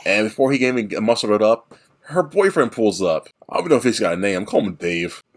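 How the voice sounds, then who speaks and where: A man with a deep voice recaps a movie on a podcast in a loose, rambling way. He drops into quick, playful impressions of the characters as he goes. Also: expressive. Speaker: podcast co-host.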